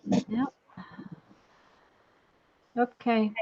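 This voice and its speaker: Echoing, higher-pitched woman giving a craft demo. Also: flat delivery. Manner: halting, apologetic, folksy. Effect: strong distracting echo on the voice. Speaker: craft tutorial host. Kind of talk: casual live craft demonstration. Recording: dull lo-fi sound with bad echo.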